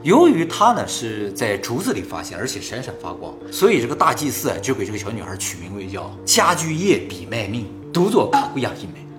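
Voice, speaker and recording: A man hosting and telling old tales in a casual fireside storytelling manner, pausing for explanatory asides. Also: mid-range voice, huge pitch swings, music in the background. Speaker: host and storyteller.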